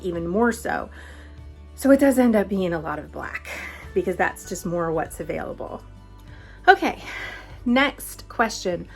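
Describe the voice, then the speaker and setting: Chatty pregnant woman vlogger. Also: mid-range voice. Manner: chatty, frequent laughs and filler words. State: heavily pregnant, a bit out of breath. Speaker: vlogger answering viewer questions. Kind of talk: casual Q&A vlog.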